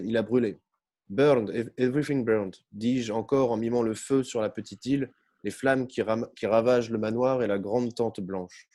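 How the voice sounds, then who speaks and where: A man reading a first-person novel aloud as narrator, in a measured, unhurried way. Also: medium pitch, warm tone.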